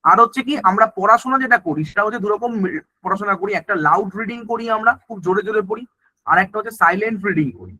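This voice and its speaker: In a dry, low-quality recording, a man with a high-pitched, bright, forceful voice speaks fast while teaching an exam-prep lesson. His explanations blend Bengali with English terms, and he repeatedly checks that the class is keeping up.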